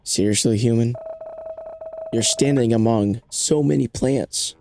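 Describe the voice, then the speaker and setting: A man's voice: mid-range voice, measured pace, gravelly, a little mellow, faint music behind. Sarcastic plant, voiced by a man, dry and scornful.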